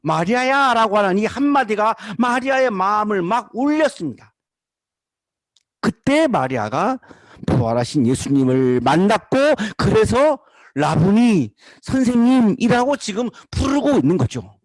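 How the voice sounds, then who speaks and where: Male pastor, high lively voice, emphatic preaching with rhetorical questions, dry recording. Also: a little slow, no room sound. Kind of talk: sermon.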